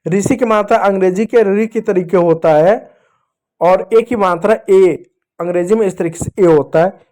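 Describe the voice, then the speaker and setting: High-voiced man teaching children to read. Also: moderate pace, dark tone. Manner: patient, repeats each sound, asks and answers himself; addresses the viewers as dear children. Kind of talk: children's reading lesson.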